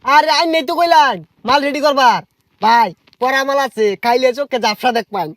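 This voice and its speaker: A man's voice: very high-pitched, brisk, a bit bright, no echo. A man, playing the grumbling sidekick in a comedy sketch. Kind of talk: comic sketch acting.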